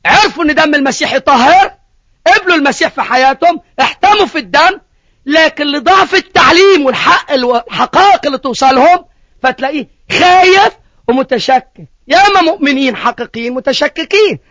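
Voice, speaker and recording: High-voiced, fast Egyptian preacher. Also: male voice, no room sound, lo-fi sound. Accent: Egyptian Arabic. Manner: animated storytelling, questions to the congregation. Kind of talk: sermon.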